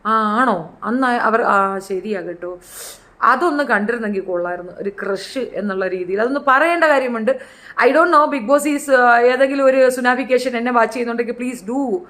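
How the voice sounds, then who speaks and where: Brief: middle-aged woman, high voice, opinionated casual commentator who mimics people. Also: normal speed, fairly bright tone. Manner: chatty, opinionated, acts out quotes in high voices. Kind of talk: casual reality show commentary.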